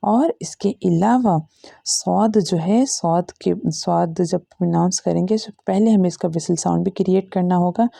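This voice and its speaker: A woman's voice: lowish voice, unhurried, gravelly, mellow, dry recording, studio quality. A woman teaching Quran reading, patiently drawing out and demonstrating each letter in a step-by-step lesson with an Urdu-Hindi accent. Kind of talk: slow step-by-step recitation lesson.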